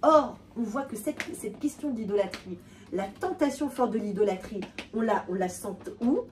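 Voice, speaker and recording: A woman giving an animated talk to an audience, often repeating and restarting words. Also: medium pitch, moderate pace. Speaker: lecturer. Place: hall with a live audience. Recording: distant voice with faint room noise.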